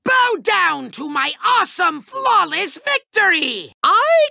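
A vain little evil overlord from a video game, with a sharp, forceful shriek of a voice. He swings wildly in pitch and draws out his grandiose, gravelly boasts, often breaking into shouts. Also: very animated, takes it slowly, dry recording, clean studio sound, full character voice. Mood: triumphant boasting. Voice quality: shrill, gravelly. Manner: grandiose, theatrical exclamations often rising to shouts. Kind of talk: video game villain voice acting.

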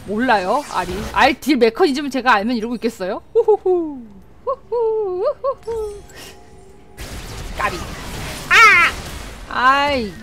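Female streamer, very high voice, lively swings, yelps and laughs over faint game music. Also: takes it slowly, pauses often. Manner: animated, yelps and laughs, talks to the screen. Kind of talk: excited gameplay commentary.

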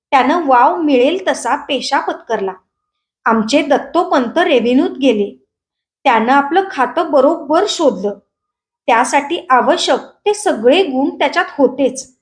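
A woman reading a short story aloud in a steady, expressive storytelling manner. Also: high-pitched. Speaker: story reader.

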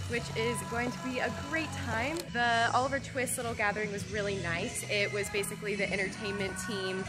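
A young woman in her twenties who works as a cruise ship entertainer, chatting upbeat to a handheld camera while getting around the ship. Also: a little high. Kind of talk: casual vlog. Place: cruise ship cabins, lounges and decks. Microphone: handheld camera at arm's length. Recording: music bed under the voice.

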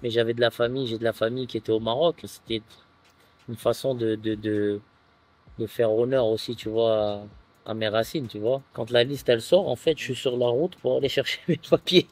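A man in his thirties from France, a footballer guest chatting casually on an outdoor terrace, relaxed and full of filler phrases. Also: mid-range voice, fairly quick. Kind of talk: casual interview chat.

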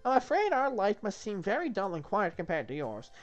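A woman's voice: mid-range voice, very animated, a little fast, lo-fi sound, natural voice. Woman playing a gushing, flirtatious castle maiden, Zoot. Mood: coaxing, seductive. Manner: theatrical, gushing, insistent. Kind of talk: comic script read-through.

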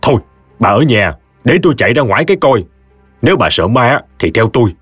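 A man puts on a deep, gruff old village elder from the Mekong Delta who grumbles and bosses his wife around. The voice sits low but swings widely, recorded dry and close over soft music. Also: very animated, fast talker, no room sound. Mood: scolding. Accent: Mekong Delta Vietnamese. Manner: grumbling, scolding.

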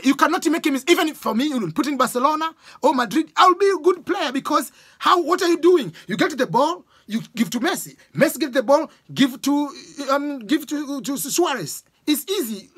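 A man in his forties from Tanzania with a Tanzanian accent, giving animated casual exam advice to a close camera in a small room. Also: very high-pitched. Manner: animated, gestures a lot, uses sports examples. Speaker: education vlogger. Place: small room with bookshelves, indoors. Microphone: camera close up, webcam framing.

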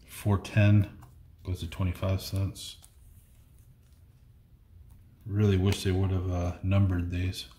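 Hosting an unboxing of his comic collection, a middle-aged man works through old issues at a table, reading numbers aloud and murmuring comments. He speaks low and dark with little pitch variation, slowly and with many pauses. A fixed camera across the table records him indoors, where the room echoes and there is faint noise.

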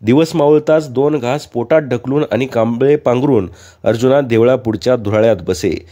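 A man narrating a story in a calm, measured reading voice. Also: mid-range voice.

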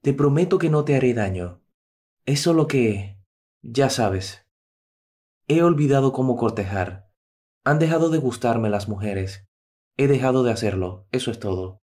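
A man voicing a gentle middle-aged surgeon and father, talking softly and in a measured way in a storybook tale. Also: medium pitch, lively intonation. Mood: earnest.

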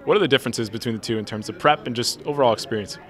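Quick-talking male sports interviewer. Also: mid-range voice, soft background music. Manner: quick, upbeat questions. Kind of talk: media day interview. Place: media day room with backdrop. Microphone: handheld mic. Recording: busy room with crowd chatter.

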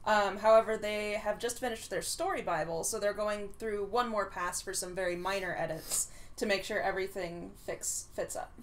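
A woman's voice: medium pitch, moderate pace, hardly any pauses. Chatty woman co-hosting a stream. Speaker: comic creator co-hosting a stream. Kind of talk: casual chat.

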